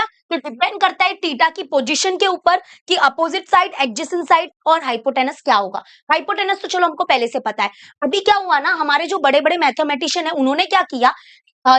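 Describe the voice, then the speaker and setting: A woman's voice: sits high, bright, forceful tone. A young woman teaching a maths lesson, mixing Hindi with English terms and asking the class to repeat after her. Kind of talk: board exam maths lesson.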